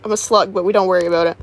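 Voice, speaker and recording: A woman streamer in casual livestream chat, rambling and halting with many restarts. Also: fairly low pitch, a little hiss or hum.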